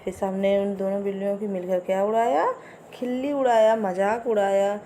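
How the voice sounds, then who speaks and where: A woman teaching a Hindi lesson to young children, slowly and patiently repeating words for them to follow. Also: mid-range voice, steady tone, dark tone, a little hiss or hum. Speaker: primary school Hindi teacher.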